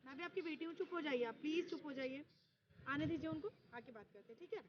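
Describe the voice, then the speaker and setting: Brief: soothing woman, high quick voice, dull recording with crowd nearby. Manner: soothing, comforting. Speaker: helper in a prank video. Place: outdoors in a park.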